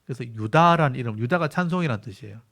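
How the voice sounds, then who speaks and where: A man's voice: medium pitch, animated, quick pace, a bit bright. A man with a Gyeongsang Korean accent, a pastor teaching a Bible lecture sermon who explains patiently and repeats key words for emphasis.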